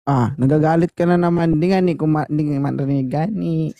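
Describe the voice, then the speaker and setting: A man, bantering loudly with his wife and playfully pretending to mishear her. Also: on the high side, brisk. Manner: loud, teasing, keeps mishearing on purpose. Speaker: husband. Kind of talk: casual bickering banter. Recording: noisy, from far across the room.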